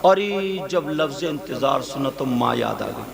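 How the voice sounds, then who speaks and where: A male Islamic preacher telling a story in an impassioned sermon, dropping to hushed tones and rising to loud dramatic cries. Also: medium pitch, animated, unhurried, creaky, a crowd in the background.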